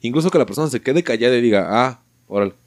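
A man with a Mexican accent in casual podcast chat, talking with heavy slang, swearing and animated asides. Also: mid-range voice, very fast. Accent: Mexican Spanish.

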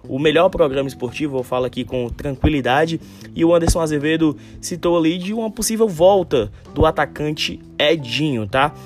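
A man with a northeastern Brazilian accent from Ceará and a tongue-tied lisp with slushy s sounds, hosting a casual solo football news podcast and talking directly to listeners. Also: mid-range voice. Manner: informal, addresses listeners directly, frequent tag questions. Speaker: sports podcast host. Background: music.

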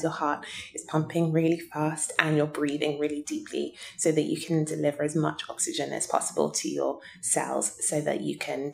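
Woman scientist guest explaining stuff simply, low voice with lots of fry. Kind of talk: explanatory interview talk for young listeners.

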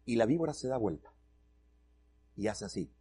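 A man's voice: lowish voice, expressive, normal speed, warm tone, a little hiss or hum. A male pastor telling a comic, self-mocking story during a sermon.

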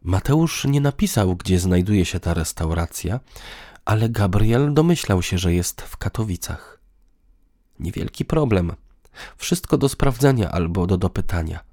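Male audiobook narrator, low, lively intonation, dry close recording. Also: dry recording.

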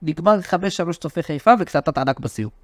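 High-pitched guy on a sports podcast, jokey and animated, dry close mic. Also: no echo. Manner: animated, teasing, tells stories with shifts in pitch. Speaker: podcast co-host. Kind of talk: casual sports podcast chat.

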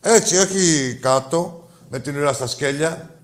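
A man hosting a sports call-in radio show, bantering with callers in a teasing, sarcastic way. His voice is somewhat high, and the sound carries the echo of a roomy studio.

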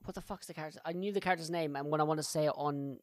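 A man co-hosting a casual podcast, swearing freely and ranting with quick banter. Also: a little high, fairly even intonation, no room sound, studio quality. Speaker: podcast co-host.

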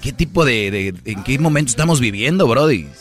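A man's voice: medium pitch, expressive, brisk, faint music behind. A man, co-hosting a comedy radio show with teasing sarcastic banter. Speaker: radio co-host.

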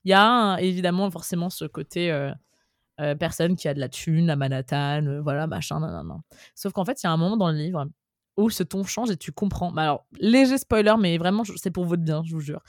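A woman's voice: fairly low pitch, a little fast, no echo, clean studio sound. A woman co-hosting a casual book podcast, talking animatedly with lots of fillers and restarts. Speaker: podcast co-host. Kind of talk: casual chat about books.

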